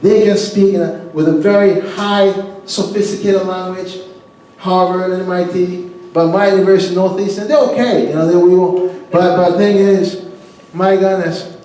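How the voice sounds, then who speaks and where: High-voiced middle-aged man preaching in echoey hall. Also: moderate pace, a little hiss or hum. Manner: animated storytelling, laughs often, restarts and repeats words. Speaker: pastor. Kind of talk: sermon. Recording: echoey hall, mic at a distance.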